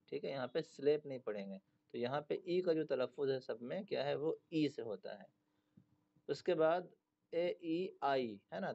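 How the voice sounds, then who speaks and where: Male teacher, patient and methodical, mid-pitched mellow voice, muffled lo-fi audio. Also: vocal fry. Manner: patient, spells words letter by letter. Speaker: English teacher. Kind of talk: classroom lesson explaining pronunciation. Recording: dull lo-fi recording.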